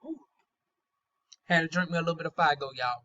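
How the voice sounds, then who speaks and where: A woman's voice: low-pitched, brisk, sharp tone. A woman with a Southern US accent and trouble pronouncing her Rs gives a casual, folksy product review, chatty and candid with playful slang. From North Carolina, US South. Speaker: beauty vlogger, aesthetician. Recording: dull, lo-fi sound.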